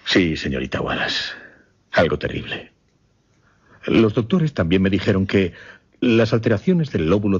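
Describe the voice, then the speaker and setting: Slightly muffled, lo-fi audio captures a male radio drama actor portraying a grave gentleman hypnotist narrating his macabre experiment. The low, a little mellow, breathy voice is heavily acted, and the somber performance moves deliberately and formally, with dramatic pauses.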